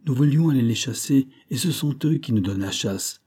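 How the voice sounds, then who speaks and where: A man's voice: medium pitch, lively intonation, a little fast, dark tone, breathy edge, voice pushed up. A man voicing a bold British army captain, a keen hunter, speaking in eager rallying calls. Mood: grim.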